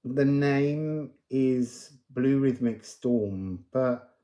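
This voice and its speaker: A man gives viewers an unscripted spiritual card reading, musing aloud, drifting between thoughts, and breaking into chanted phrases. His mid-range voice has a dark tone, and he draws his words out.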